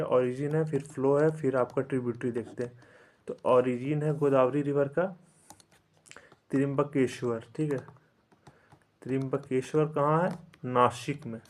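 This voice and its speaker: Man slowly drilling river names. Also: medium pitch. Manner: repetitive drilling, frequent "theek hai" fillers; slow, deliberate recitation for memorizing. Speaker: teacher. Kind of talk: exam-prep geography lesson.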